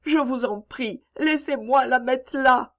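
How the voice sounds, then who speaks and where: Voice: high-pitched, takes it slowly, fairly bright tone, voice pushed up, exaggerated voice. A reader voicing a grieving young girl servant who is crying and pleading in broken speech.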